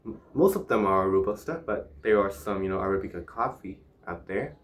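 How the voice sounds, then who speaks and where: Low-voiced man, musing casually. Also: animated, fairly quick. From Myanmar. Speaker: vlogger. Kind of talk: casual solo vlog chat.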